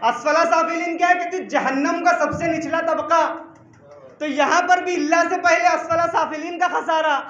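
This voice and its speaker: A man preaching a sermon at a religious gathering, repeating phrases for emphasis, reciting Arabic verses and rising to shouts. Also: extremely high pitch, fairly even intonation, normal speed. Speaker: cleric preaching at a majlis. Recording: echoey hall, muffled lo-fi sound.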